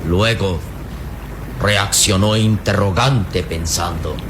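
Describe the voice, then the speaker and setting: With a deep voice and a Latin American Spanish accent, a man dramatically narrates an old-style radio serial. His delivery is solemn and suspenseful, deliberately phrased with pauses, over the sound of a storm.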